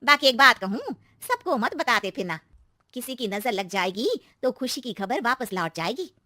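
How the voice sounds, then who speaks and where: Gossipy older neighbour aunty, played by a woman; high-ish, emphatic, superstitious and knowing, for a family storybook drama. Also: lively intonation, normal speed, pushed and bright, dry recording. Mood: ominous warning. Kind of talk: acted story dialogue.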